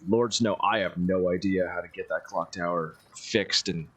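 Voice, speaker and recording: A flustered, polite guard captain, put on by a man running a tabletop game, stammering and hesitating. The voice sits a little lower than the man's usual speech and stays apologetic. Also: fairly even intonation, normal speed.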